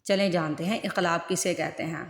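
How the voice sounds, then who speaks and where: Woman teaching quran reading, lowish voice, asks questions and repeats stuff, echoey room. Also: steady tone. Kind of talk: online recitation lesson. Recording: echoey room with long reverb.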